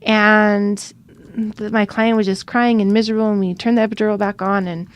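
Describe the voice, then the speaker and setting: A woman's voice: medium pitch, flat delivery, a little fast, smooth, lo-fi sound. A woman doula and podcast co-host, earnestly retelling a difficult birth in casual conversation. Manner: earnest, retelling a hard birth with acted quotes. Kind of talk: casual storytelling.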